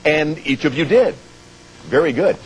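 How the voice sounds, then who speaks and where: Lively American male game show host. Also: a little high, normal speed, low-quality recording. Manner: clear step-by-step explaining, addressing players and viewers. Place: TV studio.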